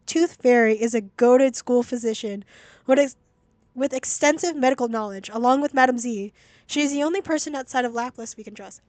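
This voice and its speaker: A woman's voice: high-pitched, no room sound. Sweary young woman ranting on stream. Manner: blunt, sweary, exasperated ranting. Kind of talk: casual game-stream commentary. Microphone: laptop stream mic.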